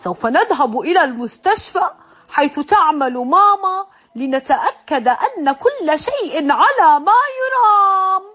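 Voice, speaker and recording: A woman's voice: very high voice, sing-song, a little slow, a bit bright, heavily acted. A woman doing a reassuring dad. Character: worried father, relieved and reassuring. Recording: slightly dull recording, faint music.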